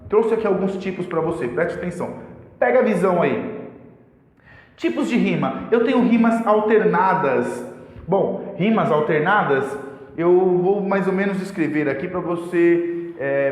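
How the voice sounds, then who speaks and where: Echoey Brazilian teacher, chatty and lively. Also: male voice, sits high. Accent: Brazilian Portuguese. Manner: chatty, addresses viewers with slang and checks like "tá certo?". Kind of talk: casual video lesson on poetry. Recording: very echoey room with long reverb.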